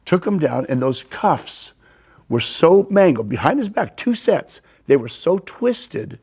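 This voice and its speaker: An older man as a guest, telling animated stories and acting out the quotes. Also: on the high side, unhurried, breathy edge. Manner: animated storyteller, acts out quotes. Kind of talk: storytelling in a conversation.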